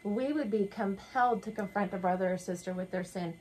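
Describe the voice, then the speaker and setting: A woman co-hosting a sermon discussion in a small wood-paneled room, speaking in a measured, thoughtful way. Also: mid-range voice, darkish tone, slight background noise, poor audio. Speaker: co-host. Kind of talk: conversational sermon dialogue.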